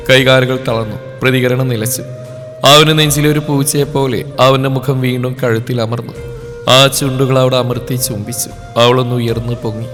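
A man of middle pitch tells a romantic story in a heartfelt, dramatic reading voice. His sentences fall in short, measured beats. The voice rings with a long reverb, and faint music plays underneath. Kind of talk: scripted romance story narration. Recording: long reverb over soft background music.

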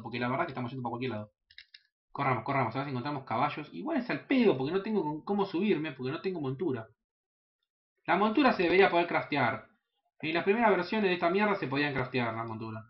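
A young man with a Rioplatense Spanish accent giving casual, excitable, profanity-laden commentary while playing a video game, sometimes breaking into high yelps. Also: muffled recording. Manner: excitable, swears often, jumps into high yelps. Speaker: gaming channel host. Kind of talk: casual let's play commentary.

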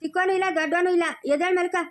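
A woman's voice: extremely high pitch, level tone, rapid-fire. A woman playing a stubborn young village man in a family skit, speaking rural Chikkaballapur Kannada in an insistent, scolding way.

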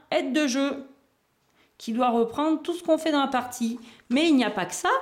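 A woman hosting a board game unboxing video, chatting casually and thinking aloud as she handles the pieces. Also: on the high side. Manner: chatty, thinks aloud while handling items, small laughs.

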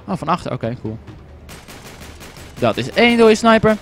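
Young male let's player, high-ish voice, wildly animated, jokey and profane. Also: moderate pace, soft background music. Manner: excitable, swearing, joking, shouts at the game. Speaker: gaming commentator. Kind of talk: casual let's play commentary.

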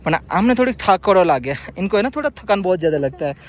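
A man with a slightly raised pitch hosts a casual vlog, chatty and friendly. He greets people and keeps talking as he walks outdoors at a pilgrimage site. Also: animated, fast. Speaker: vlogger host.

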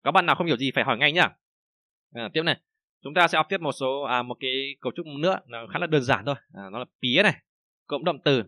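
A man with a Vietnamese accent teaches a language lesson into a close, dry mic. His voice is bright and animated, rising and falling a lot. He reads examples slowly, then explains them in easy, casual talk. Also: medium pitch, dry recording. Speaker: Chinese teacher.

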